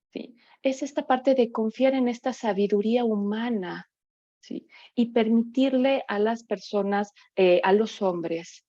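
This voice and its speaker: A woman's voice: medium pitch, a little mellow, dry recording. A woman giving a workshop talk on grief, conversational, with frequent fillers and tag questions. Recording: dull, dry sound.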